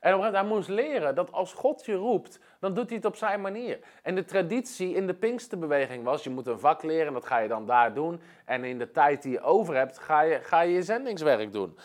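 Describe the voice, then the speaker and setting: A man's voice: on the high side, lively intonation, fairly quick, few pauses. A man preaching a sermon, telling a story with emphatic repetition.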